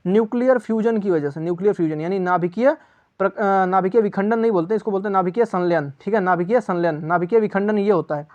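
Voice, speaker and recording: A man's voice: high voice, darkish tone, lo-fi sound. A man teaching a casual quiz lesson, chatty, asking viewers for answers and repeating each key answer as question and reply. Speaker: exam-prep teacher.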